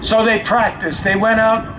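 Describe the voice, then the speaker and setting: Male airshow commentator, high voice, recorded outdoors under loud aircraft engine noise. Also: little pitch movement, measured pace. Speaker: airshow announcer. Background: aircraft engines and outdoor ambience.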